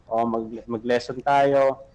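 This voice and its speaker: A man's voice: medium pitch, flat delivery, slow, darkish tone. A man who conducts an orchestra, speaking politely as a radio guest and mixing in English phrases, on a studio mic. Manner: polite, mixes English into his talk, hesitant with fillers. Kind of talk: casual radio interview.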